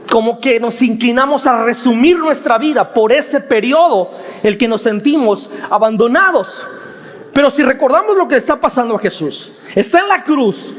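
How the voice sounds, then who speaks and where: A man, a pastor preaching a sermon with emphatic repetition and rising questions. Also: very high-pitched. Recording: hall reverb.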